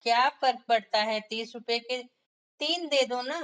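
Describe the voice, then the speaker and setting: A miserly merchant haggles and insists in a fairly high, pressing storybook voice, as a woman narrator puts him on. He is stubborn and penny-pinching, pushing hard for a bargain. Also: measured pace, fairly bright tone. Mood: pleading.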